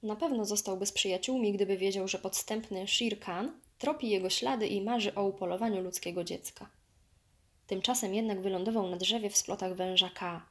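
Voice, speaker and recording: Female narrator, mid-pitched, lively children's story reading. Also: a little fast.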